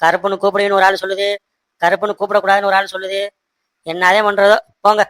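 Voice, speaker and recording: A man's voice: high voice, flat delivery, fast, fairly bright tone, clean tone, dry recording. A man voicing a harried young husband in a cartoon who soothes his wife and complains to the audience. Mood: exasperated. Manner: soothing, placating, talks to the audience. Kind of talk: cartoon voice acting.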